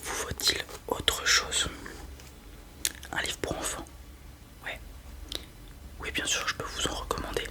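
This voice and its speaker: A librarian in a whispered role-play, speaking in a soft, breathy, barely voiced library whisper while recommending and reading aloud. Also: normal speed. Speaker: ASMR host playing a librarian recommending books.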